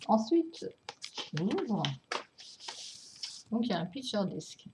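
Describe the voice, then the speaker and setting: A woman showing her record collection in a casual vlog, hesitant with many fillers and apologies, excited and laughing often, drifting nearer and farther from the camera mic. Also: on the high side, background noise.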